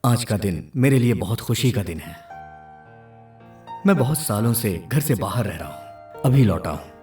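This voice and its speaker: Brief: man voicing a low mellow heir making a formal speech, roomy and distant. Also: animated, moderate pace, soft background music, natural voice. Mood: earnest. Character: returning heir, polite school head. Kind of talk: Hindi film dub.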